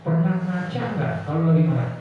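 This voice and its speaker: A man's voice: on the high side, fairly quick, music in the background. A male preacher gives a casual sermon, quizzing his listeners and acting out voices. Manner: asks the congregation questions, acts out voices. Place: prayer room. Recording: echoey, dull, from far off.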